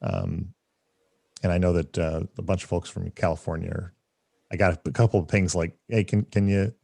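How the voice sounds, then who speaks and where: A man hosting a casual livestream discussion, rambling with many fillers and restarts, his voice deep from having just woken up. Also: steady tone, normal speed, creaky, darkish tone, slightly rough, no echo, clean studio sound. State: just woke up, deep morning voice. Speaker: summit host.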